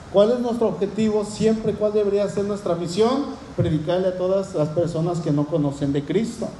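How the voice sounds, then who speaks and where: A man's voice: high voice, mellow, slight background noise. A man preaching a sermon in earnest, often asking the congregation questions. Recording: echoey room.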